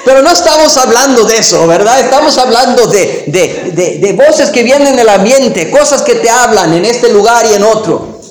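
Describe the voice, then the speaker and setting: A man's voice: very high voice, animated, moderate pace, roomy sound. A man preaching a sermon as pastor. He reads scripture aloud, then turns to the listeners with emphatic, rising exhortations.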